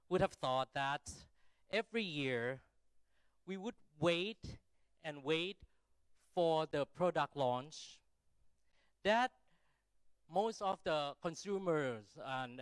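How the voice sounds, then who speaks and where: Middle-aged man with a clear Thai accent. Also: fairly high pitch, a bit bright, no room sound. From Thailand. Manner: self-deprecating, checks in with listeners using rhetorical questions. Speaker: keynote speaker. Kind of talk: conference keynote speech, conversational and informal.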